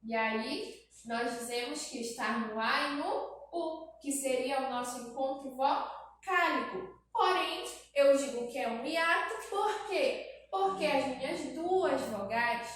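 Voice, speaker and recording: A woman teaching a grammar lesson to young children, repeating each point and checking in with "tá?". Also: high voice. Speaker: primary school teacher. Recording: very echoey room, voice from a distance, faint noise.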